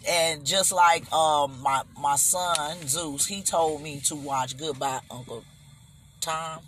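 A middle-aged man hosting a casual podcast chat, animated, who keeps checking that listeners follow him. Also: on the high side, slow pace, slight background noise. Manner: animated, keeps asking "you understand?". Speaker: podcast host.

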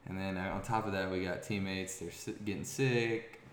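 A man's voice: deep voice, normal speed, a little hiss or hum. A young man, a former quarterback, tells a long story in a casual interview, rambling with restarts. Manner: rambling, many restarts, grows excited. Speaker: former college quarterback guest. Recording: echoey room.

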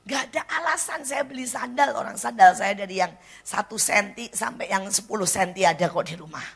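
A woman evangelist with an Indonesian accent preaching a blunt church sermon, dropping to hushed near-whispers and then rising to loud exclaims. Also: medium pitch, fairly quick, gravelly, slightly rough. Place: church service.

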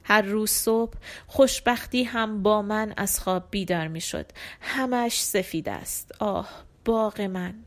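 A nostalgic aristocratic woman speaking lines from a play, voiced by a woman narrator. She declaims each line with longing, in a voice of middling pitch. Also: close to an everyday voice. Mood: wistful. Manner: wistful, declamatory.

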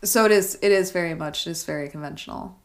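A woman with a fairly low voice talks fast as a podcast co-host in a casual film discussion. She's chatty and uses lots of fillers, often checking in with "right?"

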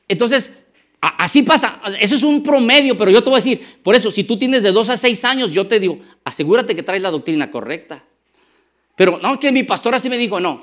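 A man with a Mexican accent, a pastor preaching a conversational sermon with slang and quick restarts. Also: high voice, fairly bright tone.

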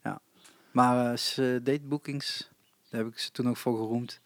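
A man's voice: medium pitch, steady tone, moderate pace, dry recording. Casual male talker, hesitant and chatty, dry close recording. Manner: chatty, frequent hesitations and laughs. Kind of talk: casual chat about live music venues.

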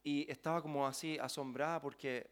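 A man's voice: on the high side, steady tone, fairly quick, fairly bright tone. A man interpreting a sermon live, following each phrase closely with occasional fillers.

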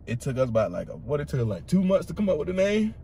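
A man's voice: fairly high pitch, sing-song, fast, warm tone. A man with a Florida Southern accent chatting casually and slangily as a podcast co-host in a car. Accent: Florida Southern American. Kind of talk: casual chat. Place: inside a car. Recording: faint car noise.

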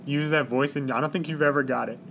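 A man's voice: on the high side, fairly even intonation, fast, creaky, fairly bright tone, slight background noise. A man co-hosting a sports podcast, blunt and stubborn, firing back with short dismissive replies. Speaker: podcast co-host. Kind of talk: casual sports chat.

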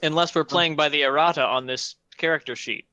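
Sarcastic new player, dry jokes, really bright voice. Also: mid-range voice, a little fast, dry recording. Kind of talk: casual tabletop play.

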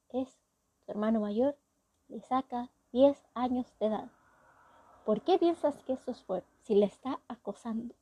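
A woman's voice: a little high, warm tone, dry recording. A woman with a Chilean accent casually recapping a story, chatty and wry with indignant asides. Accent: Chilean Spanish.

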